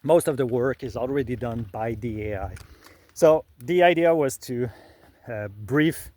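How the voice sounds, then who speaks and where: Speaking a little slowly in a medium-pitched, darkish voice, a middle-aged man with a French accent, French being his native language, describes how he works as a creator. His casual explanation is hesitant, full of fillers and restarts.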